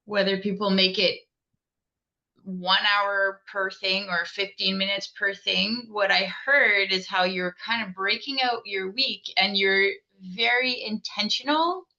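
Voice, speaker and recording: A woman's voice: mid-range voice, steady tone, slow, creaky, sharp tone, dull audio. A woman hosting a team call who affirms and sums up what her guest said. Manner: affirming, summarizing. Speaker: host of team leader call. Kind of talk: casual chat. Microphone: video call.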